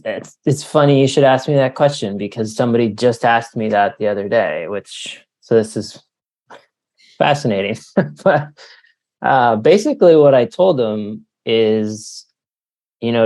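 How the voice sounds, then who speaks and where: A Canadian man with a lowish, somewhat dark voice answers questions as an interviewed author. His replies are conversational and explanatory, a kind of thinking aloud thick with "you know" and "like."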